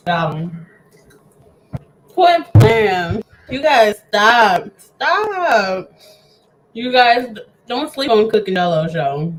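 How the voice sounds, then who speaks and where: A woman's voice: mid-range voice, big pitch swings, slow pace, slight background noise, rough recording. A woman hosting a casual home cooking show, chatting eagerly with her viewers as friends while she eats with her mouth full. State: eating, talking with mouth full.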